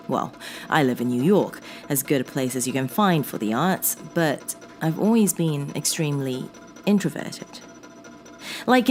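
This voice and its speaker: A young woman playing an introverted, obsessive female artist, narrating a first-person horror story in a conversational, confessional way over music. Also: deep voice. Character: introverted, obsessive 23-year-old female freelance artist confiding her story.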